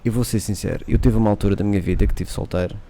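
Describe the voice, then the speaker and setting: Man, European Portuguese accent, casual confessional chat, mellow tone, faint noise behind. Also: on the low side, steady tone, very fast. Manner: candid, jokey, confessional. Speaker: podcast host.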